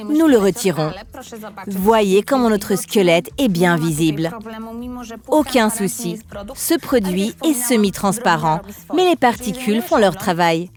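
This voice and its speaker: A woman nail instructor explaining a technique step by step in a chatty, instructional way. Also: mid-range voice. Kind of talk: instructional demo chat. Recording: music playing behind.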